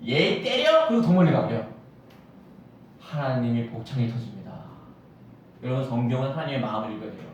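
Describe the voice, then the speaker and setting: A man's voice: mid-range voice, fast, pauses often, warm tone, slight background noise. A man pastor preaching a Sunday sermon, firing rhetorical questions at the congregation and acting out quoted voices. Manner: acts out quoted voices of God and Solomon. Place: church sanctuary. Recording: echoey church hall, mic at a distance.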